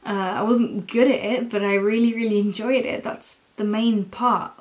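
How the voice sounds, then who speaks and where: A young adult woman with an English accent, talking casually and candidly in a halting, confessional vlog style. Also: medium pitch, fairly even intonation. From England. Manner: slow, halting, candid, with frequent swearing. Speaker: university student vlogger.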